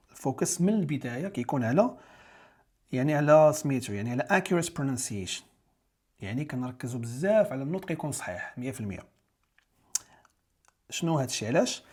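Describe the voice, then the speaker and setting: A Moroccan man teaches an exam-prep lesson, switching between Darija and English terms. His voice is husky and a little high for a man. He talks quickly, and he repeats and rephrases each key term so it sticks. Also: darkish tone. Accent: Moroccan Arabic.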